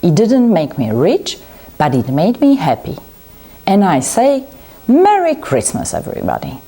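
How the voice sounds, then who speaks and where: Sunny kind young man read by a woman, slow lines leaping up in pitch. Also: wildly swooping pitch, slightly rough, full character voice. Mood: cheerful. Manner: warm pleading, bright exclamations. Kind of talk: storybook reading aloud.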